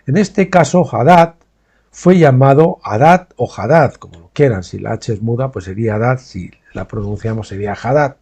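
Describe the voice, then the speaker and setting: Mellow-voiced man teaching the Bible. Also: medium pitch, gravelly, slightly rough. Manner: adds questioning tags to check listeners follow; pauses to explain names and terms in his own words. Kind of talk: reading a Bible study aloud with spoken asides.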